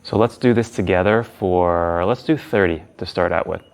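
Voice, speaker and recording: A man's voice: low voice, moderate pace. A man teaching a guided breathing lesson as an instructor, with casual, informal phrasing.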